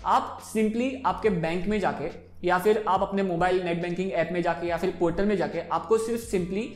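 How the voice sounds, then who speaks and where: A man's voice: sits high, steady tone, normal speed, roomy sound, soft background music. A man in his twenties explaining personal finance in a casual, chatty way, switching freely between Hindi and English. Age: 20s. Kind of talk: casual explainer talk to camera.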